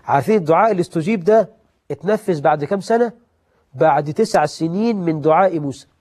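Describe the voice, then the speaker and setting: Male preacher, Egyptian accent, high-pitched, animated sermon delivery with loud and soft swings. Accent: Egyptian Arabic. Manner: animated, swings between loud emphasis and soft asides, slows for scripture. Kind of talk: sermon on prayer etiquette.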